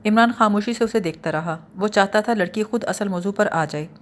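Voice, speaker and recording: A woman reading a spy novel aloud as audiobook narrator, with steady, even storytelling. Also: medium pitch. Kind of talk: scripted narration.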